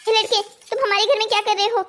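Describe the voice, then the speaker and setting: A woman's voice: very high-pitched, fairly even intonation, rapid-fire, pushed and bright, slight background noise. A woman voicing a confused, indignant twenty-one-year-old woman in a cartoon story. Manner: indignant, bewildered. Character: young woman of 21, confused and stubborn.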